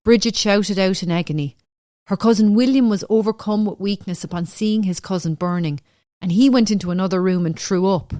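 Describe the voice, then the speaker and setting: A woman giving a measured, solemn scripted true-crime narration for a podcast. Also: mid-range voice, warm tone, no echo, clean studio sound.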